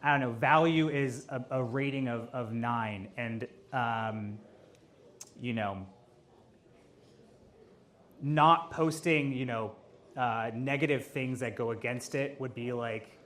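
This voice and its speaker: A man's voice: medium pitch, slow pace, pauses often, fairly bright tone. A young man answering questions at a live event, talking casually with lots of "like" and "um". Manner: casual, filler-heavy, lots of "like". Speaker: AI consultant on stage. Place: office event space with audience.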